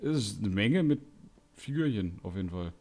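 Lively, joking male gamer. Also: fairly low pitch, moderate pace. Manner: joking, chatty, reacting aloud. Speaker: let's play streamer. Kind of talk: casual gameplay commentary.

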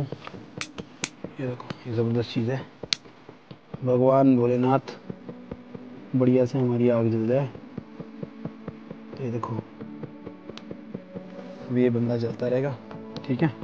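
A man chatting excitedly to camera from inside a small tent with a wood stove, slipping English words into his talk. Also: medium pitch, dull audio. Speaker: camping vlogger. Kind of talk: casual chat to camera.

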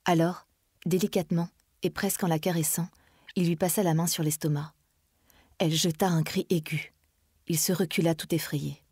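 Low-voiced woman reading a novel. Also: fairly even intonation, a little mellow, breathy edge, no room sound, studio quality. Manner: measured, dramatic narration. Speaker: reader. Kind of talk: literary reading.

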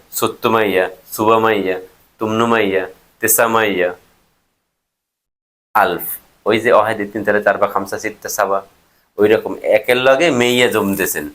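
A man teaches in a casual, patient way. He says each word slowly and repeats it. He keeps asking his viewers whether they are writing it down. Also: fairly low pitch, fairly bright tone. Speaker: language teacher vlogger. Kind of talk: casual spoken lesson.

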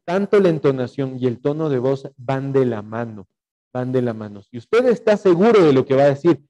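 A man's voice: mid-range voice, expressive, moderate pace, warm tone, muffled recording. A young man with an Ecuadorian Spanish accent, teaching a class over a video call, explaining and dictating notes with frequent fillers and rhetorical checks. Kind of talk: online class lecture.

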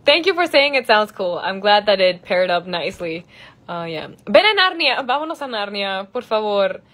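A woman's voice: medium pitch, very animated, a little slow, a bit bright. A young woman answering fan questions on a phone livestream, switching between Spanish and English with frequent laughs. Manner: bilingual, giggly, chatty, reads questions aloud. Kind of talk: casual livestream Q&A.

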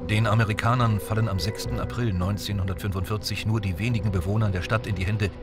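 A man reading scripted documentary narration in a measured, even way. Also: fairly low pitch, over loud music. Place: voice-over booth. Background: documentary score.

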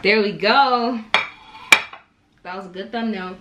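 A woman's voice: medium pitch, slow, lo-fi sound, heavy background noise. Chatty young woman eating on camera. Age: young adult. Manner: chatty, eats on camera between remarks. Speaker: vlogger. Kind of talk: casual chat while eating. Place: home kitchen, indoors. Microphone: camera on table at close range.

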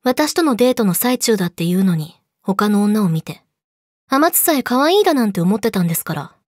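Woman playing a possessive yandere girlfriend, swooping pitch. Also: big pitch swings, fairly quick, no echo, studio quality. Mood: scolding, threatening. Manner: yandere: sweetly polite, possessive, menacing, drops into breathy whispers. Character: possessive yandere girlfriend, polite, teasing, quietly menacing. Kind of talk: scripted role-play audio drama addressed to the listener. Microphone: close studio mic, dry.

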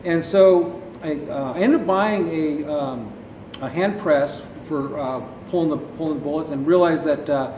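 A middle-aged man answers interview questions about his business at length while gesturing with his hands. His voice is a little high, and it is picked up by a distant camera in a large, echoey warehouse. The audio is dull, with clear background noise. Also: moderate pace. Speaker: ammunition company founder, interview guest. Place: large warehouse with shelving, indoors.

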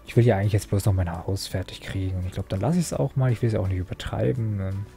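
A young man talks his way through a game session in a low, gravelly, mellow voice, rambling and poking fun at himself as he goes. Faint music plays underneath. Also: quick pace. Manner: rambling, self-mocking, frequent fillers and restarts. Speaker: Let's Play host. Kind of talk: casual gameplay commentary.

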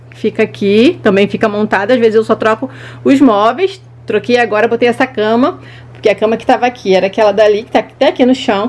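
A woman in her thirties with a Brazilian Portuguese accent, chattily narrating a casual handheld tour for children and pointing things out informally. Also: on the high side. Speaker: children's toy channel vlogger. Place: small indoor home studio room. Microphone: handheld camera at arm's length.

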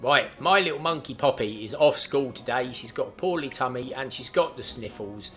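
A man's voice: mid-range voice, expressive, moderate pace, sharp tone, faint music behind. A man hosting a casual game stream, coaxing and playful as he guides a child. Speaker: gaming channel host. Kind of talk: casual let's-play chat with a child.

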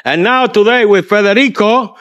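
An older man hosting a walking tour vlog outdoors on city streets, filmed with a handheld camera at arm's length, pitching his tours to viewers with enthusiasm. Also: normal speed, lo-fi sound, over a noisy crowd. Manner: enthusiastic salesy asides to viewers. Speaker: tour guide.

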